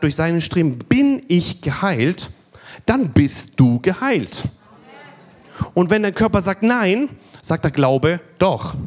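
Male preacher, lively swinging delivery, emphatic repetition, numbered points. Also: on the high side. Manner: emphatic, repeats key phrases, counts points. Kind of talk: sermon at a healing evening.

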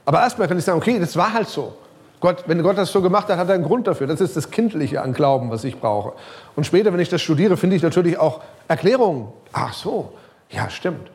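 A middle-aged male pastor preaching a sermon, talking casually and directly to his listeners, his voice rising and falling. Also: fast. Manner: lively preaching, pitch rising and sinking, some quiet passages; casual, direct address with English loanwords.

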